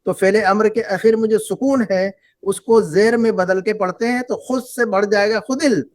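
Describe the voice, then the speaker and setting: A man's voice: sits high, fairly even intonation, normal speed, a little mellow. A man teaching an Arabic class, patiently repeating phrases and quizzing his students. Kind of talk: online class lesson.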